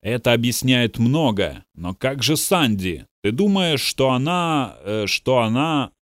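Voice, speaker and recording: A man's voice: mid-range voice, animated, measured pace, no room sound, clean studio sound, close to an everyday voice. A man doing a musing, hesitant lawman. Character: thoughtful middle-aged male lawman. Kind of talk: audiobook dialogue reading.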